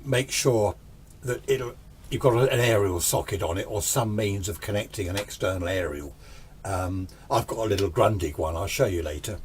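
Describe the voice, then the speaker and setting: On the low side and at normal speed, the voice of a man in his sixties comes through with slight background noise. He's an amateur radio hobbyist presenter giving a casual, off-the-cuff explainer that rambles and includes little questions he asks himself.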